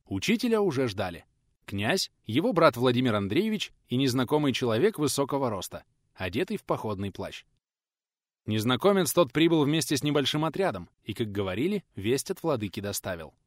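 A man narrating an audiobook with expressive storytelling. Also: medium pitch, a little fast, no echo, clean studio sound. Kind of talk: scripted narration.

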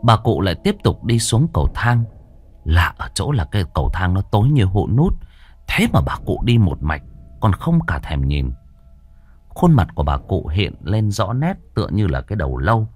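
A man narrating a ghost story with a dramatic, drawn-out delivery. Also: sits low, very animated, husky, soft background music.

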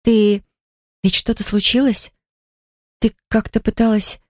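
A woman's voice: on the high side, little pitch movement, unhurried, no echo, studio quality, voice pushed up, lightly acted. A woman reading the part of a curious young woman teasing and prying at a friend with eager questions.

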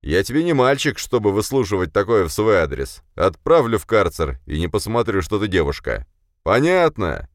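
A man voicing a fat, bossy middle-aged police chief who shouts and blusters. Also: low-pitched, expressive, moderate pace, dry recording, studio quality. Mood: blustering, angry.

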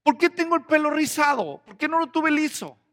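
A fretful young woman played by a male preacher fires off one complaint about her looks after another. The voice rides high and sharp, and a long reverb rings behind it. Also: animated, fairly quick, full character voice. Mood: whiny. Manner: whiny, complaining questions.

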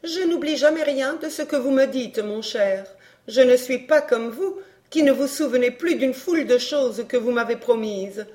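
A woman reading a proud, sharp-tongued young countess, cool and teasing, in an audiobook dialogue. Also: high-pitched, normal speed, natural voice.

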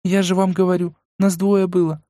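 A man's voice: sits high, level tone, normal speed, mellow, no room sound, pitched above the performer's own voice, lightly acted. A man reading an audiobook, voicing a frightened, tearful young woman captive who pleads in a tremulous, whimpering way. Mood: frightened, hurried. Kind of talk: audiobook character voice.

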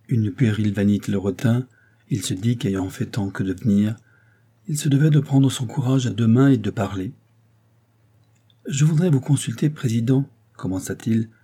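A man narrating a classic novel as an audiobook in a measured storytelling manner. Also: mid-range voice, dark tone, husky.

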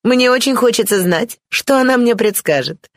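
A reader voicing a haughty, spoiled young lady of high society who gives commands in a sharp, disdainful way, in an audiobook. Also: expressive, moderate pace, no room sound, clean studio sound. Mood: imperious.

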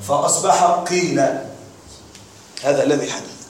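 A man's voice: fairly high pitch, steady tone, normal speed. Man, grammar teacher, classroom lecture, asks students questions, echoey room, faint noise. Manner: quizzes students with repeated questions.

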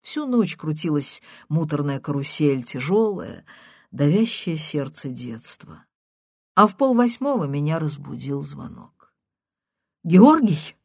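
A woman reading a literary story aloud in a measured, unhurried manner. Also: low voice, very animated, gravelly, a little mellow, no room sound, studio quality. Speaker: reader.

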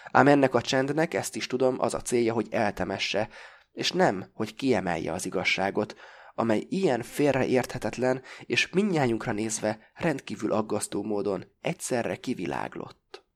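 A man reading a first-person novel aloud as an audiobook, calm and measured. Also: on the low side. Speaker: audiobook reader.

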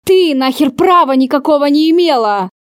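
A woman voicing a furious, cruel man who shouts and swears in an audiobook. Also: sits high, animated, normal speed, dry recording, studio quality, pitched above the performer's own voice. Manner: shouting, swearing, spitting words.

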